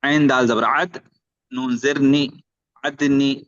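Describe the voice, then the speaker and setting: A man leads an online Quran reading lesson, sounding out letters and vowel marks one syllable at a time. His delivery is slow and deliberate, and he breaks off now and then for brief rule explanations. The recording is muffled and lo-fi. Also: medium pitch, fairly even intonation, fairly bright tone.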